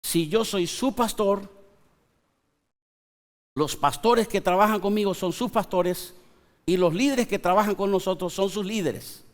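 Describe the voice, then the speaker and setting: A man, preaching a sermon to his congregation with slow, emphatic pauses and conversational asides. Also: high voice. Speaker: pastor. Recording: long church hall reverb.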